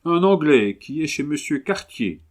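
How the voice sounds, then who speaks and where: Guy doing a rough stable lad, vulgar, blunt, higher voice. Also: sing-song, unhurried. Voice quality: coarse, vulgar. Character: coarse young stable boy, blunt.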